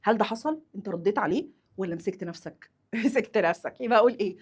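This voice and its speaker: Lively, husky Egyptian woman teaching grammar. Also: very fast. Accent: Egyptian Arabic. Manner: animated, acts out scenes with sudden high exclamations; repeats rules in drilled chant. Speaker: English teacher. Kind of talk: grammar lesson.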